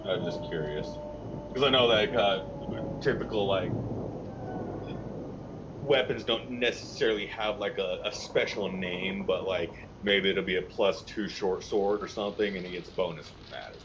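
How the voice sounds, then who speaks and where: A curious man at the gaming table with a lowish voice who asks rules questions in a halting way and laughs easily. A clear hiss runs behind him. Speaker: player. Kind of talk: casual chat between game sessions.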